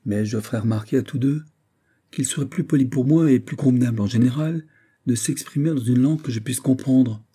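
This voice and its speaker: A man's voice: medium pitch, brisk, warm tone, breathy edge, voice pushed up, close to an everyday voice. A man reading aloud voices a jealous young baroness speaking with restrained fury. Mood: angry.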